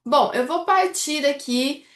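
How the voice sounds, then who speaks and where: A woman from Brazil with a high voice teaches an online lesson, walking through steps one at a time and pausing often to check that the viewer follows. Her voice bounces a little off the walls of an echoey room. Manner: explains step by step with frequent checks like "tá?" and "certo?". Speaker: English teacher. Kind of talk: instructional video lesson.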